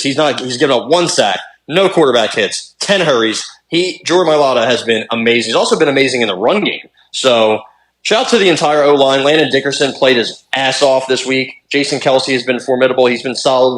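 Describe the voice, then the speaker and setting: A man's voice: mid-range voice, a bit bright, rough recording. A young man co-hosting a casual sports podcast, talking bluntly and profanely in long rants. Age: young adult. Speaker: podcast co-host.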